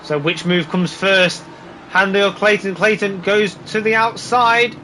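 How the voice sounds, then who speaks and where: A man doing live motorsport commentary, calling the race play by play in an excitable, exclaiming way. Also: high voice, a little slow, a little hiss or hum, poor audio. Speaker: motorsport commentator on a sim racing broadcast.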